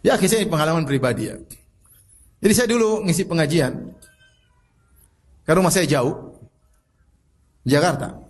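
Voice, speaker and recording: A middle-aged man preaching a sermon, pressing the listener with repeated rhetorical questions and telling personal stories with a soft laugh. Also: a little high, lively intonation, normal speed, pauses often. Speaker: Islamic preacher.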